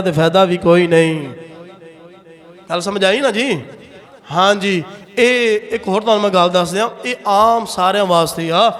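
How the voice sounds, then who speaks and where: Man, Punjabi accent, sermon, emphatic, rhetorical questions, sharp tone, echoing hall. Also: extremely high pitch. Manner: emphatic, repetitive, asks the congregation questions. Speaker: Islamic preacher.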